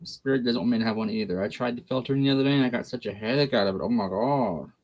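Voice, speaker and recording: A man's voice: mid-range voice, rapid-fire, a little mellow. A man giving a casual tarot reading, blunt, folksy and unfiltered. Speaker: tarot reader.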